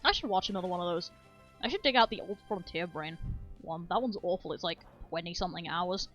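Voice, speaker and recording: A woman's voice: on the low side, fast, fairly bright tone, soft background music. Rambling woman streamer. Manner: rambling, enthusiastic, swears freely. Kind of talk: casual game-stream chat.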